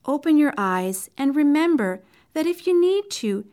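A woman with a fairly high, very melodic voice guides children through a mindfulness exercise. She speaks in gentle, simple instructions and stretches out the calming cues. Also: unhurried.

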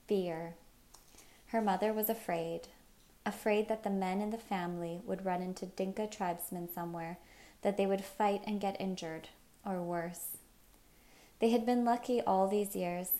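A woman reads a novel aloud as an audiobook narrator, calm and measured. Her voice is mellow and warm, neither high nor low, with a steady, unhurried delivery. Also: creaky.

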